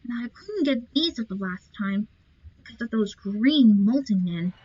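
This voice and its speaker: A woman records a game playthrough, offering casual commentary and thinking aloud in short, musing remarks. Her voice is on the high side and a little slow, with lively intonation, a dark tone, and a breathy edge, without echo. The capture is muffled and lo-fi, with game music behind her.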